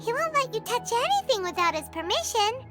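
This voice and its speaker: A woman voicing a tiny, loud, excitable floating girlish companion who talks about herself in the third person. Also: a little fast. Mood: chatty. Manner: refers to herself in third person, squeaky and bouncy. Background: game music.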